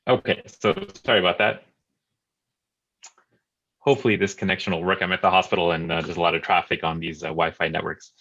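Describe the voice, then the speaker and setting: A man's voice: deep voice, little pitch movement, brisk, pauses often, bright, forceful tone. A man, a kidney doctor, giving a hesitant online talk from a hospital over an unstable video-call connection. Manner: hesitant, with many filler sounds. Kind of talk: informal educational presentation. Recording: dull lo-fi online call audio.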